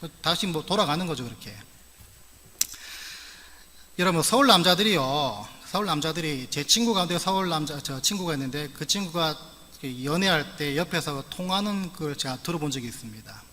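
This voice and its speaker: Bright-voiced pastor preaching in a reverberant church. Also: male voice, fairly high pitch, lively intonation, fairly quick. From Gyeongsang region of Korea. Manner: earnest preaching with humorous asides. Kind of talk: sermon. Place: church sanctuary. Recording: long church-hall reverb.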